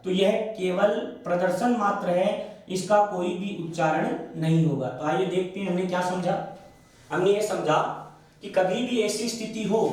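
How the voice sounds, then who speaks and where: In a classroom with strong echo and a far-off microphone, a man speaks in a high voice with a darkish tone and a Rajasthani Hindi accent. His Sanskrit grammar lecture has him raising questions and answering them himself while stretching out the crucial sounds.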